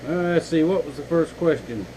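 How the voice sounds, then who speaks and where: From his home workshop, a man who makes knives chats casually with his viewers, rambling in a folksy style and saying y'all. He talks at a moderate pace in a dark, somewhat high voice, and the audio is poor, with slight background noise.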